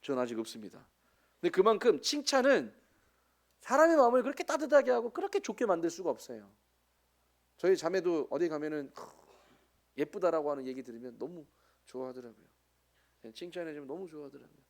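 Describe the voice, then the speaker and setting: A man's voice: a little high, big pitch swings, fairly quick, pauses often. A man in his forties with a Jeolla Korean accent, a missionary preaching a sermon with chatty, joking asides to the congregation. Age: 40s.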